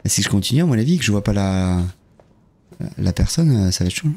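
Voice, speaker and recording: A man live-streaming a horror game, chatting with viewers in a jokey, lively way and greeting them one by one. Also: fairly low pitch, fast talker, husky.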